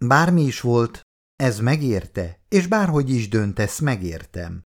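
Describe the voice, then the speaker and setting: A man's voice: medium pitch, sing-song, darkish tone. A man voicing a confident, flirtatious woman who speaks firmly and teasingly in an audiobook story. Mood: earnest. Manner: firm and teasing.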